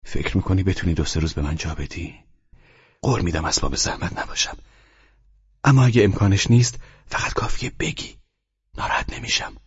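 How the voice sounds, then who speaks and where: A man with a husky voice voicing a tired, timid young man who speaks politely and hesitantly, in a dull, dry studio recording. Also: deep voice, expressive, long pauses, exaggerated voice. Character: weary, timid young man seeking shelter.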